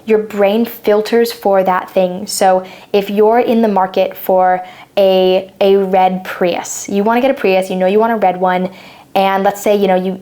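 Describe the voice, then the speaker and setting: A woman in her twenties co-hosts a podcast, explaining ideas in a thoughtful, casual chat. Her voice is mid-range and warm in tone.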